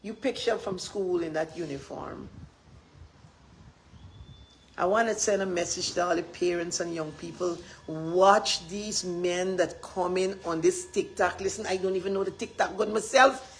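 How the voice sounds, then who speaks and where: A woman's voice: fairly low pitch, steady tone, normal speed, few pauses, slight background noise. A woman with a Guyanese accent gives an impassioned, rambling live address as a community advocate, repeating her points with emphasis.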